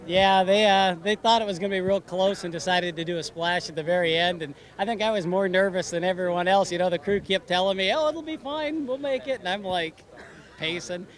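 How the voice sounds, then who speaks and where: A man's voice: sits high, little pitch movement, brisk. A man, a race driver, speaking candidly in a post-race interview outdoors at a track. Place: outdoors at a racetrack.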